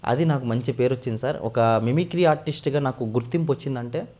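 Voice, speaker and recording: Male mimicry artist as interview guest; quick, animated storytelling at mid pitch. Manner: rapid, eager, animated storytelling. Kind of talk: casual interview talk.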